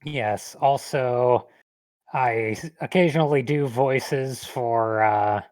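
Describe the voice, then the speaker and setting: A man's voice: medium pitch, slow, a little mellow, dry recording. A man talking casually as a podcast guest, hesitant and self-deprecating, laughing at himself often. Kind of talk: casual chat.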